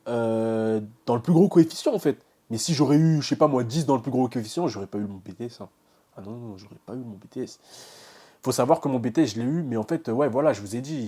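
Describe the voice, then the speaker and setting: A young man vlogging his exam results, nervous and excited, stumbling over his words and restarting his sentences. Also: mid-range voice, husky. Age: young adult. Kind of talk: casual vlog reaction.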